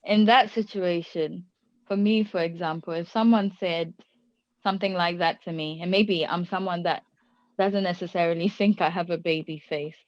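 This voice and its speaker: A woman's voice: fairly low pitch, fairly even intonation, moderate pace, darkish tone, no room sound, lo-fi sound. A young woman in her twenties hosts a casual podcast chat, thinking aloud and asking probing questions. The recording is dry and close, with a slightly dulled top end. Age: 20s. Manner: reflective, asks probing questions. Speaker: podcast host.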